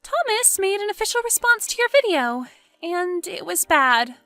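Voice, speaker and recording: A woman voicing an excitable, pushy young woman friend in an animated story, exclaiming and goading. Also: very high-pitched, normal speed, dry recording, soft background music, voice pushed up, full character voice. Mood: worried.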